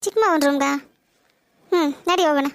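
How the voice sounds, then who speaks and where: A woman's voice: sits high, fairly quick. A woman voicing a polite, shy young woman visiting her relatives in a cartoon. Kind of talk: cartoon voice acting.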